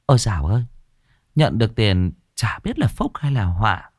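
A man's voice: lowish voice, animated, moderate pace, darkish tone, husky, no room sound, clean studio sound. A man voicing a second village gossip who gives knowing, foreboding warnings, in a story reading. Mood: ominous. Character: second gossiping villager, ominous, whispering doom.

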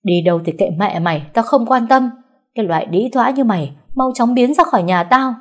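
A vicious older mother-in-law shrieks abuse in a storybook reading, as a woman puts her on. Her voice climbs high and loud, with a husky edge left underneath. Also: animated, a little fast, lightly acted. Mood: furious. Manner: shrill insulting shouting.

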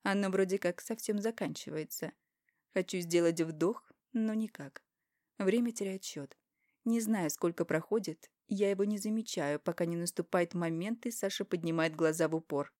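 A woman's voice: fairly low pitch, normal speed, darkish tone, dry recording, studio quality. A woman narrating an audiobook in the first person, with an emotional, confessional reading.

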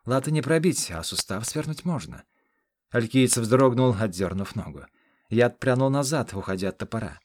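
A man's voice: mid-range voice, animated, moderate pace, a little mellow, no echo. A man narrating a fantasy battle in first person, in an intense, dramatic storytelling manner, on a close studio mic. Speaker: audiobook narrator. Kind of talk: scripted narration.

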